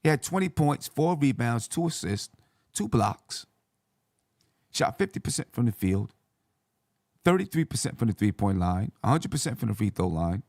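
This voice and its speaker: A man with a hoarse, creaky voice talks sports as a show host. His pitch jumps around in a lively way as he chats and repeats key phrases for emphasis. The recording is dry and close. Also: normal speed, no room sound. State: hoarse voice from yelling. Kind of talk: casual sports commentary.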